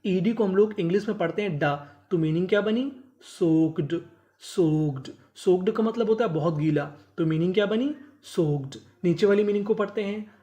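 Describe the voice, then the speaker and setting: A woman teaching English vocabulary. She spells each word out in letter chunks, asks her own questions, answers them, and repeats each word slowly. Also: mid-range voice, dark tone. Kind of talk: spoken vocabulary lesson.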